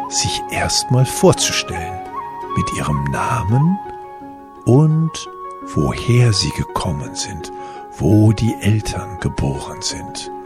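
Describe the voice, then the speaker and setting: A man narrating a story for children, explaining things patiently and unhurriedly over background music. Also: low voice. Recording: music bed playing underneath.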